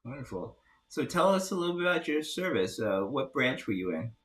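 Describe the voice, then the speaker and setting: A man's voice: mid-range voice, very animated, fairly quick, a bit bright. A man hosting an interview, asking friendly, curious questions. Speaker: host.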